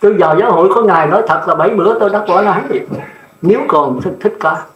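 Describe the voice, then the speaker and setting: A man's voice: high-pitched, rapid-fire, echoey room, lo-fi sound. An older man, a Buddhist monk, giving a blunt, plain-spoken dharma sermon that often checks in with the listeners.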